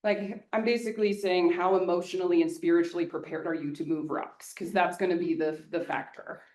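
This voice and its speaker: A woman landscape designer giving an energetic, joking talk at a neighborhood meeting, then answering audience questions. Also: fairly low pitch, brisk. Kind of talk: public presentation with audience Q&A. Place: meeting hall. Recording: echoey hall.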